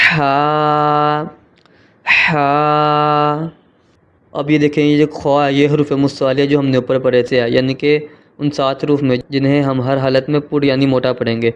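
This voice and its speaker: A man's voice: fairly high pitch, darkish tone, clean tone, highs cut off. Patient Urdu-speaking man teaching letters. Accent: Pakistani Urdu. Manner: slow, patient, drawn-out letter sounds. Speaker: Quran reading teacher. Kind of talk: tutorial.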